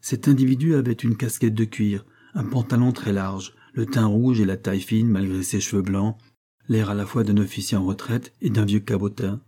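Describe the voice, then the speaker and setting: A man narrating a classic novel in measured phrases, with a low, mellow and somewhat husky voice. The delivery is steady and unhurried. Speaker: audiobook narrator. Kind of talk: scripted narration.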